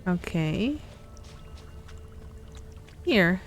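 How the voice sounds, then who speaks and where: A woman giving casual let's play commentary, unhurried and thinking aloud as host. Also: fairly low pitch, big pitch swings, faint music behind.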